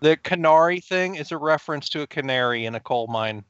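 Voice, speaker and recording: A man in a casual gaming chat who eagerly explains and argues his point. His voice sits slightly high and sounds very dry and close. The stream audio is dull and lo-fi. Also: animated, brisk, a bit bright, smooth, no room sound. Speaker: co-host.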